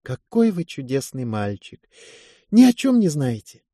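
A man voicing a self-assured woman army medic of about thirty who gently mocks the men around her. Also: medium pitch, very animated, a little slow, no echo, clean studio sound. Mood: teasing.

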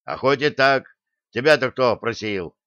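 Man voicing a barking bearded warrior, gruff, hot-tempered, raised pitch, dry, dull sound. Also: animated, unhurried, bright, forceful tone, no echo. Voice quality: growling, barking orders.

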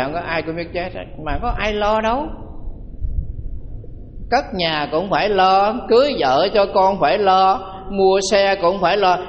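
High-voiced monk preaching in a reverberant hall. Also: male voice. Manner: conversational storytelling with rhetorical questions to the audience. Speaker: Buddhist monk giving a dharma talk. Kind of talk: sermon. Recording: dull lo-fi audio with long hall reverb.

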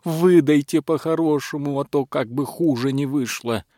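A man's voice: on the high side, normal speed, warm tone, dry recording, studio quality, natural voice. A man voicing a scheming, fawning male court butler who whines and pleads. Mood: wheedling. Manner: pleading, wheedling.

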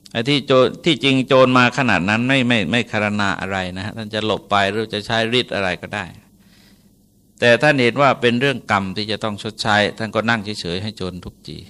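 A man, a Buddhist monk, telling a story in a sermon in a relaxed, conversational way, with polite particles and frequent hesitations. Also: medium pitch, brisk, smooth.

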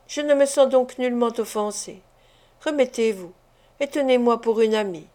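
A woman reading a storybook, voicing a mysterious young woman who speaks in a calm, grave and dignified way. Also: on the high side, moderate pace, lightly acted.

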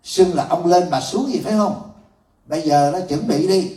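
A man's voice: on the high side, moderate pace, dark tone, natural voice. A man voicing a stern, suspicious male police chief who scolds in an officious tone, inside a story told in a sermon. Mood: scolding. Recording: roomy hall from far off.

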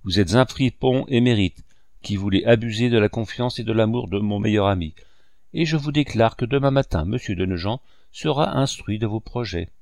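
A man's voice: on the low side, moderate pace, creaky, darkish tone, no echo, studio quality. Man voicing Lucien, a blunt young sculptor.

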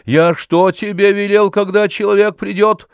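A man reading an audiobook, voicing an idle, fretful gentleman who complains in exasperation. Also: high-pitched, fairly even intonation, moderate pace, smooth, no room sound, studio quality, voice pushed up. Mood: exasperated.

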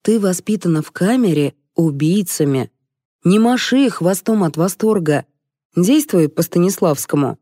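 A woman voicing a stern man on a film crew who lectures slowly and firmly. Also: lowish voice, animated, dark tone, no room sound, studio quality. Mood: lecturing. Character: stern male crew member instructing.

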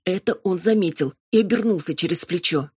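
A woman reading a first-person novel as an audiobook in a measured, steady storytelling way. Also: on the low side, slight background noise. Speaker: audiobook narrator. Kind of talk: scripted first-person narration.

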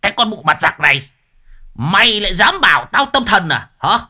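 A man's voice: high voice, sing-song, moderate pace, bright, forceful tone, breathy edge, pitched above the performer's own voice, full character voice. A man voicing a deranged old man who screams abuse at his wife in a ghost story. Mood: raging. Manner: screaming, abusive.

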